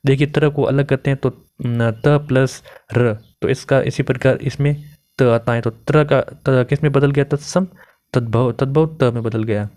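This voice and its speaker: A man's voice: mid-range voice, steady tone, measured pace, a little mellow. A young man giving an exam-prep grammar lesson, asking questions and then answering them himself. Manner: asks and answers his own questions. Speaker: Hindi grammar teacher.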